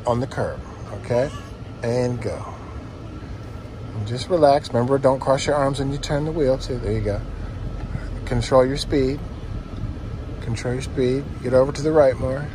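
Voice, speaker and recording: A man with a mid-pitched voice gives a driving lesson as the instructor. He speaks in short, directive commands and repeats them. The recording has clear vehicle noise around him. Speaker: driving instructor, teaching a learner. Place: inside a parked or slowly moving van. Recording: noisy inside a vehicle.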